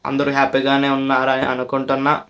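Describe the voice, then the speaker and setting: A man casually telling a true-life story to his viewers, in a calm, conversational way. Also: medium pitch, a little fast. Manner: calm, conversational, retelling in plain speech.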